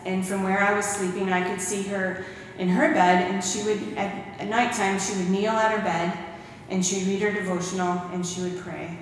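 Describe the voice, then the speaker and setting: A woman's voice: mid-range voice, little pitch movement, normal speed, a little hiss or hum. A woman giving a testimony talk in church, telling stories and quoting scripture. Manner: warm storytelling with scripture quotes. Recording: echoey hall recorded from far off.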